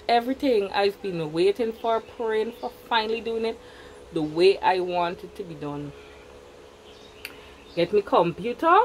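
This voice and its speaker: A young female vlogger with a Guyanese Creole English accent shares a personal story in casual chat, repeating words for emphasis. Her voice is medium-pitched, and the poor audio carries slight background noise.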